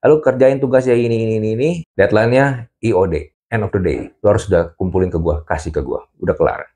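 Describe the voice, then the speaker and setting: A man's voice: on the low side, fast, warm tone, natural voice. A man briefly imitating a demanding office boss handing out tasks in a bossy, rattling way.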